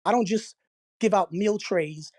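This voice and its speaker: A man's voice: sits high, unhurried, a little mellow. A man talking casually on a live panel, insistent and repeating himself. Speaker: panelist, military medical veteran.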